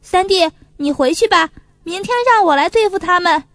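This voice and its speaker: A woman voicing an eager dutiful young brother, quick, high voice. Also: a bit bright, no room sound, studio quality. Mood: reassuring.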